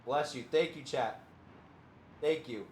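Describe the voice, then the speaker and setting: A man's voice: medium pitch, slow pace, a little hiss or hum. A man streaming a game, chatting casually and rambling to his chat. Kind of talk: casual gameplay commentary.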